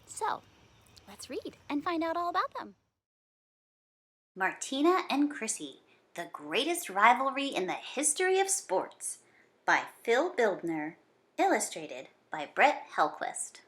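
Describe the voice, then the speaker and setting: Reading a children's book aloud like a teacher, a woman sounds animated and conversational, stressing repeated words emphatically. Her voice sits high, a little slow and slightly rough.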